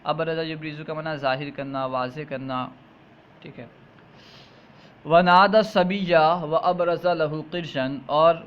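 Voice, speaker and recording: A man teaching a text lesson, reading each phrase aloud and then slowly explaining and repeating it. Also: on the high side. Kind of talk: line-by-line Arabic text lesson with translation. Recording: muffled lo-fi with faint hiss.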